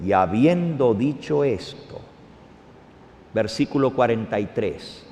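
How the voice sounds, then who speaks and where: A man's voice: medium pitch, animated, takes it slowly, warm tone, a little hiss or hum. A man preaching a sermon as a pastor, reading scripture and pressing listeners with rhetorical questions in an impassioned way. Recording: long reverberation.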